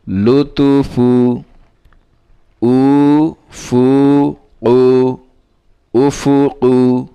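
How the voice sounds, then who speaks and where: A male Quran reading teacher with a mellow, smooth, very clear voice. He drills syllables one at a time and at a very slow pace, then repeats each word over and over. Between drills he gives quick spoken instructions. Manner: brisk, lower-voiced asides explaining between drills. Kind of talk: slow syllable-by-syllable recitation lesson.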